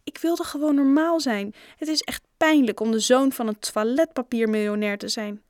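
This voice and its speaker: A woman reads as a shy twelve-year-old boy, hesitant and quick to apologize. The voice is high and dry, close to the mic. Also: dry recording, natural voice. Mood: nervous boy.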